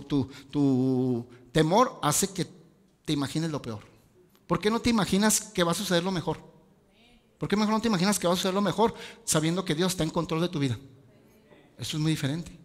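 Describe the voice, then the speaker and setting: A male pastor, preaching a sermon with rhetorical questions and casual asides. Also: a little high. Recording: long hall reverb.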